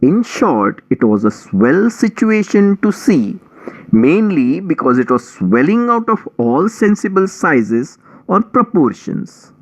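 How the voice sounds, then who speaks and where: A man's voice: on the high side, very animated, takes it slowly. A man narrating a story theatrically, with a pompous, wordy manner that relishes lists and alliteration. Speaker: audiobook storyteller. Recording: dull lo-fi recording.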